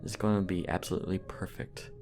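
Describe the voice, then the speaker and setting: A cold, soft-spoken mother who speaks of terrible things with chilling nonchalance, as a deep-voiced man reads her lines. The voice is low and gravelly, close to the narrator's own. Music plays beneath the horror story reading. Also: little pitch movement, fast talker. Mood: calm menace. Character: cold, calm murderous mother, middle-aged woman. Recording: music playing underneath.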